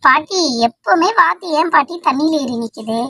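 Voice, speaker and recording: A cheerful little boy in a cartoon, eager and polite with his granny, voiced by a woman. he talks high and brightly, like a child. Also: expressive, moderate pace, no room sound, studio quality, exaggerated voice.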